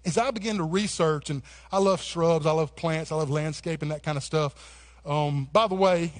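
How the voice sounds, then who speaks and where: A man's voice: fairly high pitch, normal speed. A pastor preaching a sermon in a church, passionate and conversational, often restarting and saying "man". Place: church sanctuary.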